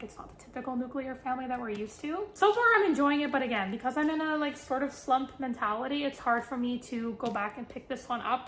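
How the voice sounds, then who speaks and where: Chatty woman book vlogger, slightly high. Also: a bit bright, echoey room, slight background noise. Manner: chatty, filler-heavy, self-deprecating. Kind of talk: casual chat to camera.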